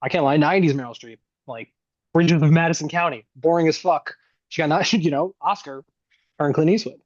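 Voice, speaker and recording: A man's voice: on the high side, fairly quick, dry recording. Opinionated man on a muffled line. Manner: opinionated, animated, swears casually. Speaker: podcast guest. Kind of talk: casual chat about film awards.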